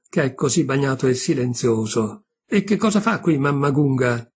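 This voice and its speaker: A man's voice: mid-range voice, a little mellow, slightly rough. A man reading aloud as a cheerful young male god in a storybook tale. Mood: playful. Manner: laughing, tender reading voice.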